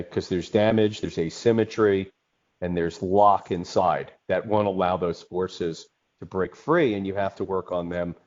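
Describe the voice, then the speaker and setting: A man with a fairly low voice teaches an online class in a relaxed, conversational way. He keeps checking that his listeners follow, tagging "okay?" onto his points. The audio is dull and lo-fi, like a webinar call. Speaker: instructor.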